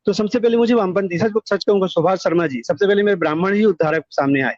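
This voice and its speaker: This is a dull lo-fi call recording with no room sound, where a middle-aged man gives personal testimony. His voice is high with a darkish tone, and he talks quickly, earnestly and at length, repeating words for emphasis.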